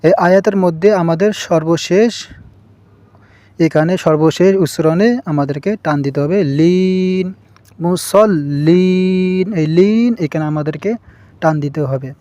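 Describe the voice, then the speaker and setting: A man teaching the pronunciation of a short scripture passage, who explains each point calmly and then chants the words slowly, holding out their long vowels. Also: a little high, dry recording, highs cut off. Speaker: Quran recitation teacher. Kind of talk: slow pronunciation lesson with chanted examples.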